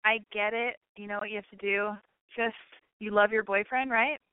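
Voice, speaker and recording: A radio call-in host gives callers blunt, emphatic advice in a clear, resonant, medium-pitched voice. She speaks at a moderate pace with fairly even intonation, and the sound is narrow and phone-like with no room sound.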